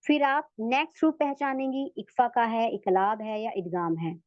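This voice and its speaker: Lady teacher doing an online recitation class, patient, drags out example words, kinda higher voice, dull flat recording. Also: no room sound. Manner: patient, repeats each step and stretches out sample words slowly. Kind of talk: online tajweed lesson for women. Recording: dull, lo-fi, dry sound.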